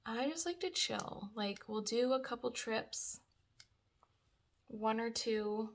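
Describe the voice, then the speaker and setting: A woman's voice: fairly high pitch, animated, slow pace. A young woman chatting casually through a makeup tutorial, gushing about products with lots of fillers. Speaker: beauty vlogger.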